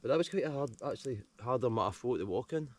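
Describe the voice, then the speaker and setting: A Scottish outdoor vlogger talks by a campfire on a wooded shore, chatty and laid-back but tired after a hard hike. His medium-pitched voice races along with lively intonation.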